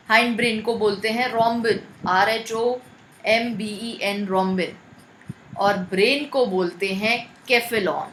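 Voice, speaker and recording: A woman's voice: medium pitch, fairly bright tone, slight background noise, rough recording. A woman teacher with an Indian accent, giving a live online biology class and spelling out terms letter by letter.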